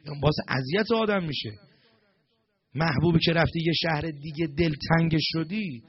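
A man giving a storytelling sermon as a preacher, animated and acting out the characters' lines in dialogue. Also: on the high side, breathy edge, no echo, lo-fi sound.

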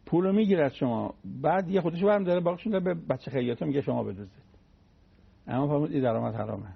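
A man's voice: fairly high pitch, vocal fry, husky, dull audio. A man giving a conversational religious talk on the radio, teaching through everyday anecdotes and homely examples.

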